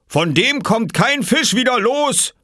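A man voicing a kindly older farmer who talks calmly and in a fatherly way. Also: on the low side, normal speed, no echo, clean studio sound, exaggerated voice. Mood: calling out.

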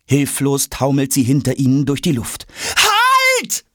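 A man narrating a children's audiobook in an expressive, dramatic way. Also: mid-range voice, normal speed, no room sound, clean studio sound. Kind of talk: scripted storybook narration.

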